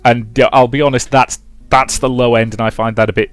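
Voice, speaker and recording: Over soft background music, with no echo, a British twenty-something narrates a visual novel for his let's play, commenting in a dry, rambling, casual way. His medium-pitched voice is brisk and shows little pitch movement.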